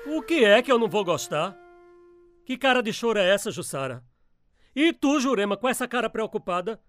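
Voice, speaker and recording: A man playing a gruff, protective father in an amateur radio drama, blustering and exclamatory. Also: high-pitched, big pitch swings, a little fast, a bit bright, soft background music. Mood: agitated. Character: middle-aged father, gruff, protective, hot-tempered.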